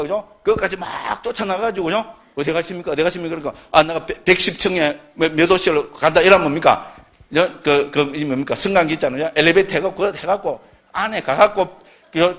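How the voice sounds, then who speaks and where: A man's voice: high voice, a bit bright. A middle-aged man giving a casual lecture on Buddhist scripture, constantly checking in with his listeners for agreement. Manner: chatty, keeps asking listeners for agreement.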